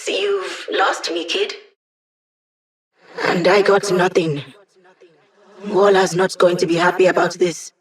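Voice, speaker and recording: A woman's voice: medium pitch, close to an everyday voice. An actress voicing a snarky young female hacker in a video game, talking in a casual, wry, sardonic way. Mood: dry, wry.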